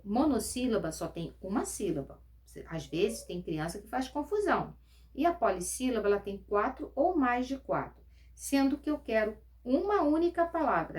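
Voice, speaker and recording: A woman teacher giving a recorded grammar review lesson, patient, repeating key words and speaking directly to her students. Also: medium pitch.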